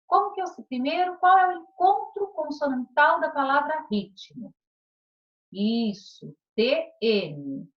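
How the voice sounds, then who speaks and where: A woman's voice: high-pitched, expressive, takes it slowly, highs cut off. A woman with a Brazilian Portuguese accent giving a recorded lesson to primary school pupils. She asks patient questions and checks often that the class is following.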